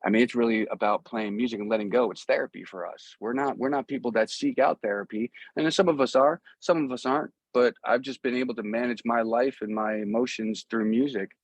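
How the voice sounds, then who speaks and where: A middle-aged American musician, interviewed about his music career, talks casually and earnestly in halting, rambling sentences that repeat phrases. His voice is mid-range and the recording is dry.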